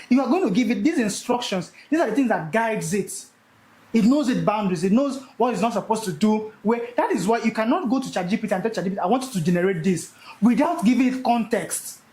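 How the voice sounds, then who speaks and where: A young man teaching a live session, animated and repeating key words for emphasis. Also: high-pitched, roomy sound, rough recording. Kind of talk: energetic classroom teaching.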